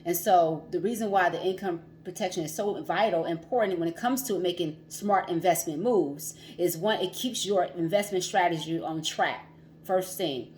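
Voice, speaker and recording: A woman's voice: lowish voice, normal speed, a little mellow, slight background noise. A woman hosting a casual livestream as a financial coach, chatty, laughing often and repeating herself.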